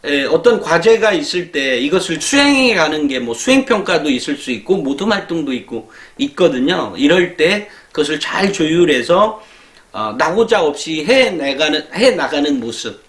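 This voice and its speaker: A man's voice: fairly high pitch, big pitch swings, normal speed, a bit bright. A middle-aged man explaining college admissions in a chatty lecture style, with many fillers and rhetorical questions. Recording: echoey room.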